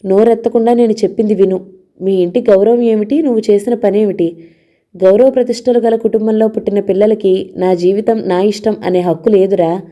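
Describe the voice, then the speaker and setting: A woman's voice: mid-range voice, fairly even intonation, a little fast, warm tone, close to an everyday voice. A woman voicing a domineering middle-aged man who harshly scolds and threatens his younger brother in an audio novel. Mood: scolding.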